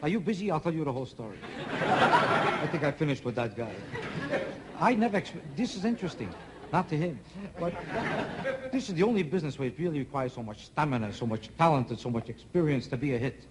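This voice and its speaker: Man, stand-up comic, sardonic, needles the audience, high-pitched, noisy TV audio. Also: animated, brisk, long pauses, a loud crowd. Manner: sardonic, talks to audience members, rhythmic repetition. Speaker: stand-up comedian. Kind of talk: stand-up comedy routine. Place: TV studio stage with live audience.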